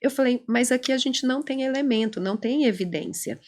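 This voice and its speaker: Brazilian woman, clinical psychologist guest, fairly high voice, animated explainer. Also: brisk. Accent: Brazilian Portuguese. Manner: animated, explanatory, acts out quoted dialogue. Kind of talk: conversational podcast interview.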